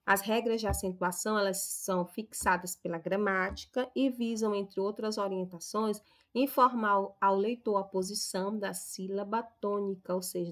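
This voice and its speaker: Young adult woman from Brazil, schoolteacher, patient explainer who checks in often. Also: medium pitch. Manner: explains slowly, stresses example words, checks in with "tá?". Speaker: teacher. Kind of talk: recorded classroom lesson.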